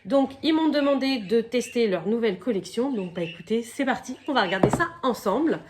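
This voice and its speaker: A woman's voice: a little high, expressive, darkish tone, slight background noise. Chatty woman with a slight cold. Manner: chatty, fills pauses with "donc" and "euh"; coughs and apologizes now and then. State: has a cold, slightly croaky voice. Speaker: crafting vlogger. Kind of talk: casual unboxing chat.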